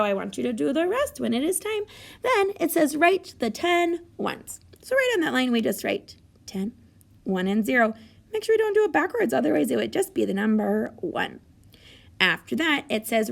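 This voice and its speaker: A woman kindergarten teacher walks young children through a recorded math lesson in a bouncy, sing-song way. Her voice sits a little high, with a gravelly fry under it.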